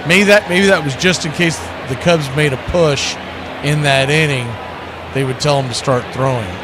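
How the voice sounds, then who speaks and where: Background noise accompanies this live baseball radio broadcast, where a man with a fairly high, steady voice calls the action at a moderate pace. His play-by-play is conversational, mixing short, clipped calls with dry, witty remarks.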